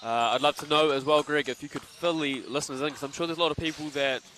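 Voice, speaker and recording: A man's voice: a little high, quick pace, a little hiss or hum. A man with a New Zealand accent doing live courtside basketball commentary, joking and bantering with his co-host. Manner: joking, excitable play-by-play.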